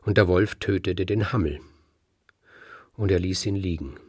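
Male storyteller, fairy tale narration, deep voice, very husky, dry close sound. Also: darkish tone, no echo. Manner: slow, deliberate, addresses listeners directly.

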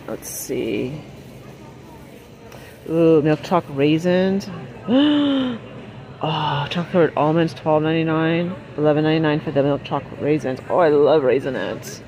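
A woman filming a casual shop-with-me vlog in a large warehouse store. She chats as she goes, reads prices aloud and drops quick excited exclamations. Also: deep voice, a little hiss or hum. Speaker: shopping vlogger. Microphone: handheld phone camera while shopping.

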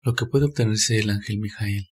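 A man calmly reading a scripted spiritual narration in a measured, steady way. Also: lowish voice, slightly rough.

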